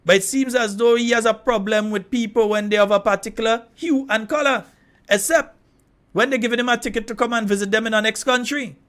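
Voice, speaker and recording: A high-pitched man from Trinidad who speaks. He hosts a call-in radio show. His commentary is animated and indignant, and he breaks into laughing asides. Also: fairly quick. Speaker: radio talk show host.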